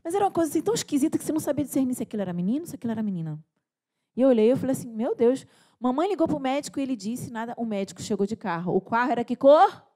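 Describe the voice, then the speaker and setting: Animated woman preaching a sermon. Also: sits high, very fast. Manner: animated storytelling with frequent restarts and quoted dialogue. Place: church service.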